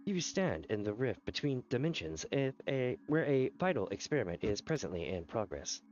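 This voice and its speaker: A cold robot overseer speaks in a slow, measured monotone, every word formal and flat, as a man puts on his robot voice. His normally lively delivery is held level so the machine sounds deliberate and detached. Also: medium pitch, dull audio, slight background noise, natural voice. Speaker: streamer voicing game dialogue. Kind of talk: reading game text aloud in character.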